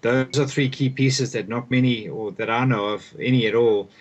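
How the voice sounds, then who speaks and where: The recording has its highs cut off. The speaker, a young South African man who is a guest author and performance coach, talks at normal speed in a steady, mid-range voice, giving reflective conversational answers and repeating words as he restarts sentences.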